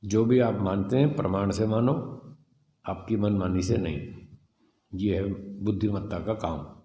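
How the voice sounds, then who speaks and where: A man teaching a scripture class, reading a passage and explaining it slowly, sounding out letters one by one. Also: lowish voice, roomy sound, big-room sound, lo-fi sound. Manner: slow, deliberate, spells out sounds and letters. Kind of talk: explanatory lesson reading and commenting on a text.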